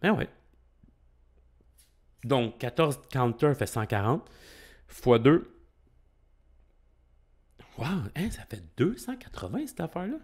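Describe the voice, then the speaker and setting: A middle-aged man with a Québécois French accent, giving excitable, casual commentary while opening trading cards and thinking aloud. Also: mid-range voice, slow, long pauses. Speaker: card-opening YouTuber.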